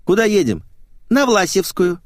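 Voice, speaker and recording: Male narrator doing a squeaky panicky girl, shrill and stammering, lively swings in pitch, dry studio sound. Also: normal speed, dry recording. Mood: chirpy. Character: high squeaky flustered young woman. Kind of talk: audiobook character voicing.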